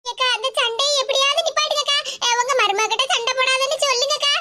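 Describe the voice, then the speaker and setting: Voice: extremely high pitch, quick pace. A performer voicing a village neighbor woman pleading to stop a quarrel. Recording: loud background noise with clicks.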